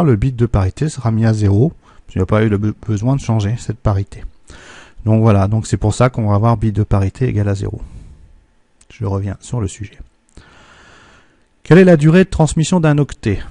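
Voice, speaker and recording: A man teaching a technical lesson, walking through a correction step by step, patiently checking that his students follow and slowing down on numbers. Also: medium pitch, mellow, dry recording. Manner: patient, checks in with "d'accord?" and "hein"; slows down to spell out numbers and steps. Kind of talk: screen-recorded lesson correction.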